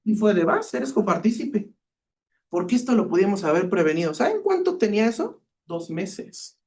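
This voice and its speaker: A man's voice: sits high, brisk. A man with a Mexican Spanish accent, a cybersecurity expert giving a talk and telling case stories, acting out the dialogue as he goes. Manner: lively storyteller, acts out quoted dialogue. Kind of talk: conference talk with anecdotes.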